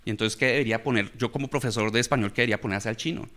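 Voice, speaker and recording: A man's voice: mid-range voice, racing, a bit bright. A man holding forth in an easy conversational talk, unpacking how children build skills through play. He explains step by step and keeps checking in with his listeners as he goes. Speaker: guest speaker on education.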